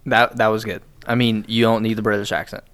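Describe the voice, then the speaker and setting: A man's voice: on the low side, little pitch movement, fast, a bit bright, clear, resonant tone. A man with an American accent chatting casually, blunt, sweary and rambling. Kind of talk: casual chat.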